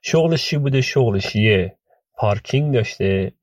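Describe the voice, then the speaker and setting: A man hosting a storytelling podcast about legal cases, talking chattily with frequent hesitations, his voice hoarse from a cold. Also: medium pitch, animated, dry recording. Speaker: podcast host and lawyer recounting client cases.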